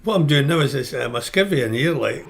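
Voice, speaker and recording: A man's voice: medium pitch, expressive, quick pace, creaky, background noise. An older man, talking bluntly and with exasperation about caring for his wife in a documentary interview. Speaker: husband and carer.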